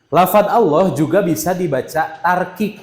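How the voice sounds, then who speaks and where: A man's voice: sits high, moderate pace, darkish tone. A young man teaching a primary school religion class in a classroom, drilling the pupils with call-and-response. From Indonesia. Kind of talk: classroom lesson. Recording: echoey classroom.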